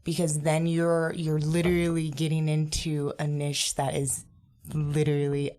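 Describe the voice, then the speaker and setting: A woman's voice: sits low, monotone, unhurried, dark tone. A woman guest on a podcast, speaking bluntly and confidently in casual chat.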